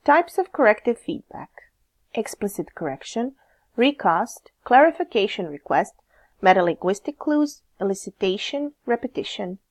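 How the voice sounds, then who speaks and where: A woman's voice: medium pitch, sing-song. Woman with a Croatian accent explaining English teaching. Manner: measured, explanatory, reads examples aloud. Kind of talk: scripted instructional narration.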